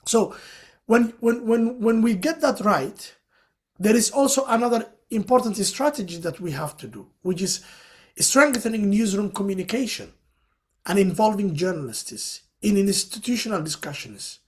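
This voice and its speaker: Speaking at a moderate pace in an animated voice that sits high, a Somali man takes part in a webinar panel. His explanations are earnest and sprinkled with "you know."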